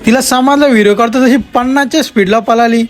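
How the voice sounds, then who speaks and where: Male vlogger, very high voice; teasing, mock-amazed comic voice-over. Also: fast.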